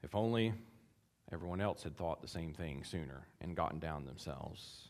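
A pastor preaches a sermon at a moderate pace, animatedly acting out the quotes in his text with big leaps in pitch. He chuckles between his points.

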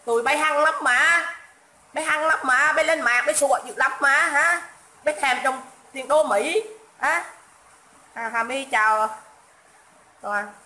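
A woman's voice: sits high, takes it slowly, long pauses, sharp tone, reverberant, poor audio. A woman, ranting on a livestream, mocking and scolding with insults and repetition. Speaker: livestream host. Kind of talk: political rant livestream.

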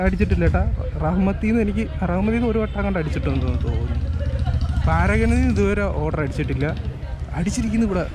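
A man with a Malayali accent from Kerala chats casually and informally as a vlogger on the move, often repeating his words. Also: sits high. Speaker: food delivery rider and vlogger. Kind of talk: casual on-the-go vlog chat. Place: outdoors on busy city streets. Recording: clear outdoor traffic and street noise.

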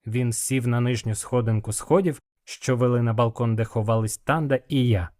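A male audiobook narrator reads a first-person fantasy story. His voice sits at a middle pitch, and his delivery is even and measured.

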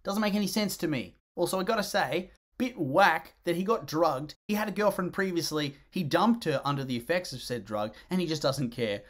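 A movie review channel host giving casual commentary, blunt and sarcastic, who swears freely and swings between gushing excitement and mocking disgust. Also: medium pitch, normal speed, few pauses.

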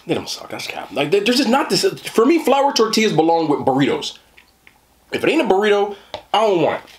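A man's voice: high voice, sing-song, fairly quick, a little hiss or hum. Young guy eating on camera, slangy and jokey, voice jumps all over, chews between lines. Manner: slangy, joking, talks while chewing. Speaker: food reviewer. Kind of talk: mukbang eating chat.

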